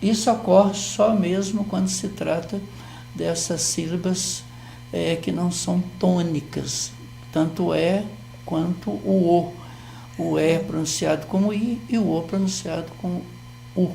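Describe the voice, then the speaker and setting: Gravelly Brazilian teacher, patient explainer. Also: male voice, high-pitched, steady tone, a little slow, dark tone, slight background noise. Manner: patient, explanatory, frequent tag questions. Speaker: Portuguese language teacher. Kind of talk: TV grammar lesson explanation.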